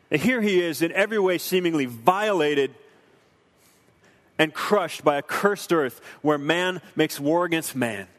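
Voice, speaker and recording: Man, young adult, earnest preacherly film commentary, slightly raised pitch, echoing hall. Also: a bit bright. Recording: long hall reverb.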